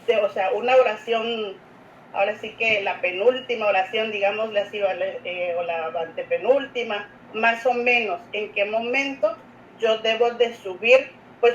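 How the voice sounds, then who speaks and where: Earnest woman on a dull call line. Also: on the high side. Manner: earnest, rambling, many fillers like "este". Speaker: lector asking a question. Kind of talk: casual question in an online class. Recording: dull lo-fi call audio with faint noise.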